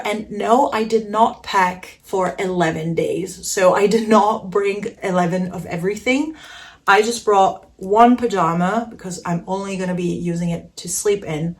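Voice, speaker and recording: A woman's voice: mid-range voice, background noise. Chatty woman vlogging her packing. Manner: chatty and enthusiastic, with a playful self-aware humor. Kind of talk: casual packing vlog narration.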